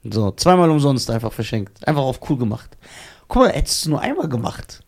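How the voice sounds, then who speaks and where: A man hosting a podcast, telling personal stories in a casual, animated, slangy way. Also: medium pitch, brisk, gravelly. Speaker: podcast host.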